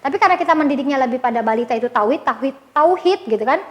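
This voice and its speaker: A middle-aged woman, a kindergarten founder giving a parenting seminar in an animated, chatty way full of fillers and tag questions. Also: high voice, very fast. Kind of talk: parenting seminar talk with storytelling.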